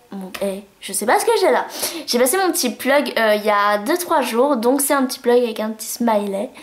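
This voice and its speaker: A woman vlogging her monthly favourites in a chatty, bubbly way, gushing over things with cutesy words. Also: a little high. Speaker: beauty vlogger. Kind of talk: casual monthly favourites vlog. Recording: roomy echo.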